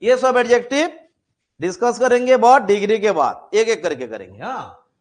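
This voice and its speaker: A man's voice: high voice, expressive, moderate pace. A man teaching a classroom grammar lesson, with an Indian English accent, explaining through many examples and often checking whether students understand.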